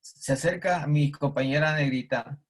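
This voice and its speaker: Man, husky voice, storyteller who acts out the quotes. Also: a little high, normal speed. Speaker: audience participant. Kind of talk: telling a personal story in an online panel.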